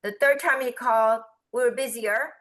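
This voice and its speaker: Speaking over a video call, a lively female guest speaker recounts a business story in a fairly high voice at normal speed. She quotes people loudly and laughs along the way, and the sound quality is rough.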